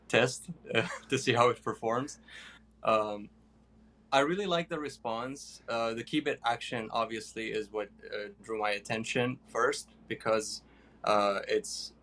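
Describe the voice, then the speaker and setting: A young man from Iraq, a pianist guest, answering interview questions with many pauses and fillers. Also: lowish voice, fairly bright tone.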